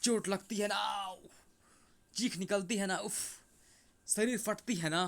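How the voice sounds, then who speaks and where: A man's voice: a little high, animated, normal speed, fairly bright tone. A man voicing a stern, righteous jungle protector who speaks in a commanding way in a comic story. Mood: punishing.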